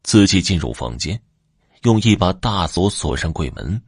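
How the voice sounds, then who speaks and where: Male folk-tale narrator, deep and husky, dramatic, dry close mic. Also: very animated, no room sound. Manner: measured, dramatic storytelling. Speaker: storyteller.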